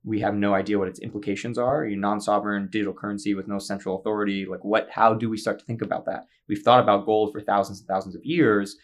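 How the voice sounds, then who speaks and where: A man's voice: on the low side, little pitch movement, fast, hardly any pauses. A man on a casual podcast, explaining eagerly with frequent fillers.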